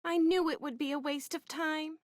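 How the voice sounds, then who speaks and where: A woman's voice: high voice, fairly even intonation, moderate pace, dry recording, close to an everyday voice. An actress playing a sulky, pessimistic woman in a game who brushes things off. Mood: dismissive. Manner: dismissive and sulky.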